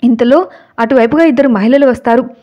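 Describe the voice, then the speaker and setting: A woman with a high voice retells a devotional serial episode in a steady, dramatic way. The recording is a bit dull and lo-fi. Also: fairly quick. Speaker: storyteller.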